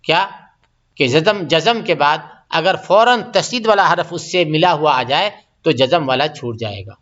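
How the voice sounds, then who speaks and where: A male Quran teacher with a high, bright voice explains tajweed patiently. He stretches out each word as he demonstrates it and keeps checking that his students follow. The recording is muffled and lo-fi. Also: lively intonation. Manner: explains pronunciation step by step, repeats words slowly and drawn out. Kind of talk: tajweed lesson.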